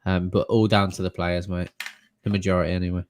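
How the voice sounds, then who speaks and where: A man's voice: sits low, little pitch movement, fast talker, slight background noise. A hesitant man chatting about football, thanking viewers with lots of ums. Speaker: co-host. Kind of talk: casual football chat.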